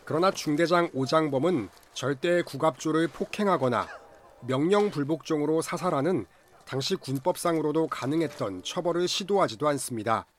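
Slightly high-voiced male film recap narrator. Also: normal speed. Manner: formal storytelling. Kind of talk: scripted narration.

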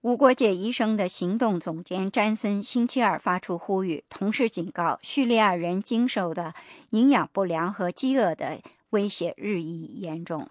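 A woman reading the radio news in an even, formal delivery. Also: mid-range voice, normal speed, hardly any pauses, dry recording, studio quality. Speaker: newsreader.

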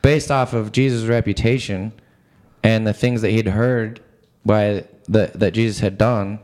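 Relaxed man musing on scripture. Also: on the low side, a little slow. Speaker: Bible study podcast co-host. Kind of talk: casual Bible discussion.

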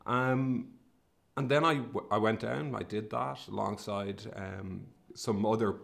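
A man's voice: lowish voice, steady tone, a little slow, gravelly, fairly bright tone. A middle-aged man with a west of Ireland, Sligo accent, talking conversationally and a little hesitantly, as if thinking aloud while telling a story. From Sligo, northwest of Ireland. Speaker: academic researcher and podcast host. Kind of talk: casual conversational career storytelling.

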